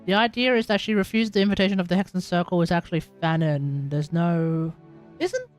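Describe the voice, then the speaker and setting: Over game music, a woman hosting a livestream gives casual game commentary in a lowish, expressive, fairly quick voice. She thinks aloud and corrects herself as she goes.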